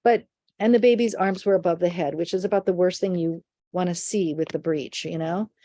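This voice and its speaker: A woman's voice: lowish voice, fairly even intonation, fairly quick, mellow, no echo. Older lady midwife telling a birth story, acts out the voices, dry close sound. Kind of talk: storytelling in an interview.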